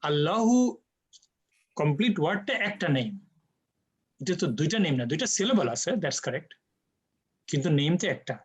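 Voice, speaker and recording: A man with a slightly high voice leads an online class. He explains pronunciation patiently, builds each point with examples, and often slips into English phrases. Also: sing-song, a little slow, long pauses, husky. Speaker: Quran Arabic teacher.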